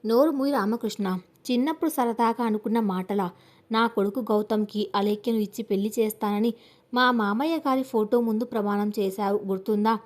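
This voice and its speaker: A woman's voice: mid-range voice, a little fast, darkish tone, natural voice. A woman narrator voicing an arrogant, wealthy, scheming middle-aged aunt who talks down to others and threatens them. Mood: haughty threats. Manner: haughty, threatening.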